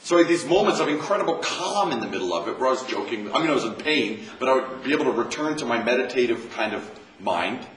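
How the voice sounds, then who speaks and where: A man's voice: mid-range voice, animated, quick pace, crowd noise. An American man, a Zen monk, giving an informal meditation talk in a conversational way, often repeating phrases for emphasis. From United States. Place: campus lecture room. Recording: roomy, distant mic, faint hiss.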